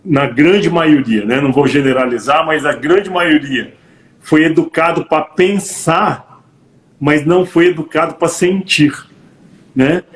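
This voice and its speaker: A man's voice: a little high, unhurried. A man speaking reflectively in an interview, ending his points with tag questions. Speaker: interview partner. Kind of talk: conversational explanation. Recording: echoey room.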